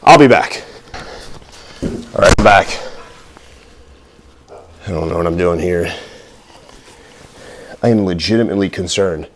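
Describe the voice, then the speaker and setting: Hosting a laid-back cooking video, a middle-aged man talks in a low, unhurried voice while he works, pausing often. He rambles nervously with fillers, pokes fun at himself, and sometimes sounds short of breath.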